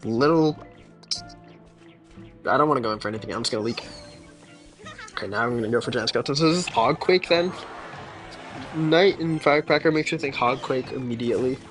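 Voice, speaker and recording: A man's voice: medium pitch, fairly quick, pauses often, a bit bright. Laid-back man streaming over game music. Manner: laid-back, mumbling asides, reacting to chat. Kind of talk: casual live-stream gameplay commentary.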